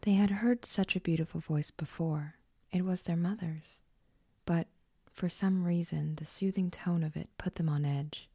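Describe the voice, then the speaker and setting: A woman narrating a scripted horror story in a hushed, often whispered delivery. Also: lowish voice, fairly even intonation, normal speed, husky, no echo, clean studio sound.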